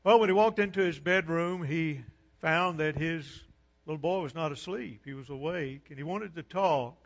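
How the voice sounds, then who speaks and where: A man's voice: fairly high pitch, moderate pace. A man preaching a sermon in a church, telling a story and building to fervent preaching. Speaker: pastor. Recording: muffled hall reverb.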